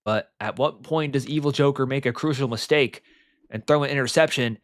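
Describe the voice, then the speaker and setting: A young man gives live play-by-play commentary on an online football game, excitable and rambling with lots of filler words. His voice is mid-range and fairly quick, in a dry recording with clean studio sound.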